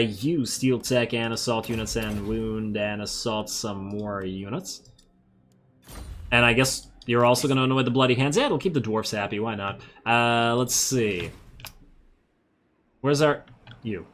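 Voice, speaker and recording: A man's voice: mid-range voice, a bit bright, a little hiss or hum. A man giving casual, think-aloud commentary while playing a strategy game, self-amused and slightly losing his voice. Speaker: strategy game let's-play host.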